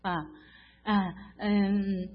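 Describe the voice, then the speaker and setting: Speaking very slowly with a flat delivery, a middle-aged woman from mainland China shares a personal faith testimony at church. Though emotional and fervent, she stammers and repeats often, her mid-range voice husky on a dull lo-fi recording.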